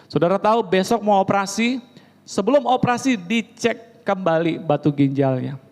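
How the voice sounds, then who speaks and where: A male preacher, telling stories in an animated sermon and often addressing the congregation. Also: sits high, moderate pace. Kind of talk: storytelling sermon. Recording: reverberant hall.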